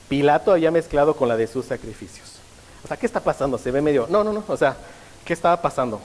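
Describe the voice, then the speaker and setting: A man's voice: a little high, in a large hall, poor audio. A male pastor preaching a sermon, often stopping to ask the congregation rhetorical questions.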